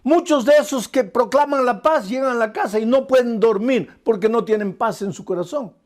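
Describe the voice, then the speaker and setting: A man's voice: very high-pitched, normal speed. A man preaching an evening prayer sermon as pastor, speaking earnestly and directly to the listener with repeated emphatic phrases and a shifting pace.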